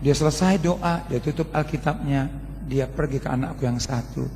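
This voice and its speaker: A man preaching a storytelling sermon, animated and colloquial, often calling out to the congregation. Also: fairly high pitch, moderate pace. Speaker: pastor. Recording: long reverb of a large hall.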